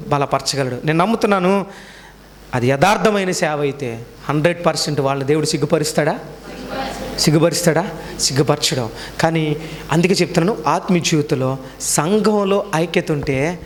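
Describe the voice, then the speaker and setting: Pastor, male, high-pitched; preaches in questions, loud calls then soft asides. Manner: preaching with many rhetorical questions to the congregation; swings between loud raised calls and low quiet asides. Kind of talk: sermon.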